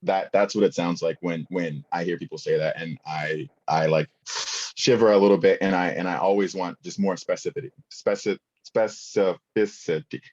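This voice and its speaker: A man's voice: deep voice, steady tone, fairly quick, a little mellow, highs cut off. A young man presenting a conference workshop, talking casually with many fillers and asking the audience questions.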